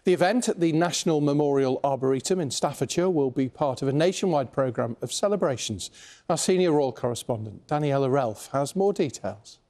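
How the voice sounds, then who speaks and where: A man reads the news from the studio in a formal, steady delivery. His voice is mellow and warm, and it sits fairly high for a man. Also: a little fast. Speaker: news anchor. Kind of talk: scripted news reading.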